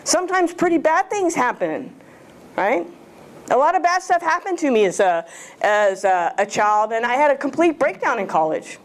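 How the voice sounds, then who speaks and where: A guest speaker in her fifties gives a casual, jokey talk to a club audience in a small lecture room, holding a handheld mic and often putting questions to the room. Her voice is high-pitched and sing-song, at a normal speed.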